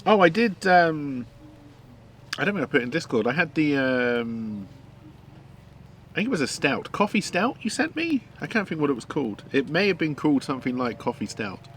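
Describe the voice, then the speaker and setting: A man's voice: on the high side, very animated, normal speed, fairly bright tone, a little hiss or hum. A man streaming live while cooking outdoors, chatting casually with fillers and frequent laughs. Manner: rambling, chatty, many fillers, laughs often. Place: outdoors in a garden.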